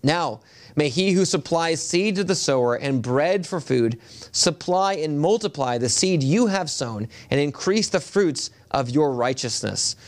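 A male pastor preaching a sermon at a pulpit microphone in a church. He reads scripture in a measured way and often halts with fillers when he speaks freely. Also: fairly high pitch. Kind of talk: sermon with scripture reading and prayer. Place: church sanctuary.

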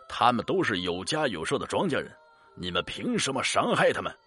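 A man's voice: on the low side, huge pitch swings, normal speed, a bit bright, slightly rough, full character voice. A man voicing a stern, upright older village doctor who speaks firmly and scolds. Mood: angry. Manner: firm, scolding.

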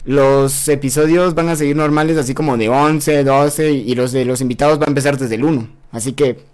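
A man's voice: medium pitch, fairly even intonation, brisk, darkish tone. A young Mexican man hosting a casual, crude live podcast close to the mic, joking and laughing often. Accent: Mexican Spanish. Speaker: podcast host. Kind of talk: casual live-stream chat.

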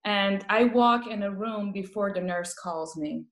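A medium-pitched woman speaks a little slowly, her sound roomy. She comes from Iran, speaks Farsi natively, and has a Persian accent; as a guest on palliative care, she tells stories with laughter during a casual interview.

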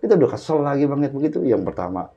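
Guy telling a spooky family story, keeps saying bang, kinda husky, muffled audio. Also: mid-range voice, very animated, very fast, warm tone. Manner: keeps addressing the host as "Bang", vivid and dramatic. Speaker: guest telling a personal story. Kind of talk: casual storytelling to a podcast host. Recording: dull lo-fi sound with faint background music.

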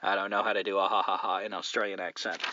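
A man's voice: sits low, sharp tone, dull audio, a little hiss or hum. A man hosting a casual solo podcast from a car, reading listener mail with a rambling, joking, profane manner. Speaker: podcast host.

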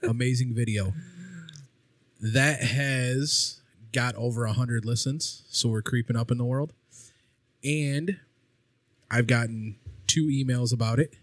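A man's voice: mid-range voice, fairly even intonation, slow, pauses often, no echo. A man co-hosting a podcast, chatting casually over drinks and swearing freely. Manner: laid-back, swears freely. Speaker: podcast co-host.

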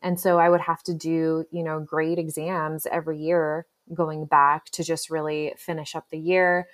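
A woman's voice: sits low, level tone, normal speed. A young woman in her twenties from the Czech Republic, a pharmacy resident answering interview questions in an earnest, talkative way with lots of "you know" and "um.". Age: 20s.

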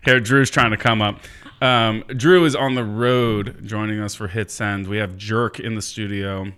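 A man's voice: fairly low pitch, steady tone, measured pace, fairly bright tone, clear, resonant tone. A man hosting a podcast in casual chat from a studio above a bar, easygoing and laughing often. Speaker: podcast host.

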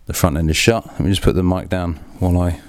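A man's voice: low-pitched, fairly even intonation, fast talker. A man hosting a podcast, rambling in a chatty, self-deprecating way with casual swearing as he talks through hands-on work in a small echoey darkroom. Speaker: podcast host.

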